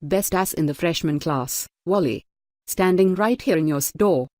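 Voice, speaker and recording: Woman reading a cocky sarcastic teen boy, kinda lowish voice, dry sound. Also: moderate pace, dark tone, no echo, close to an everyday voice. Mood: smug. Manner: sneering, sarcastic. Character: arrogant teenage boy, smug bully.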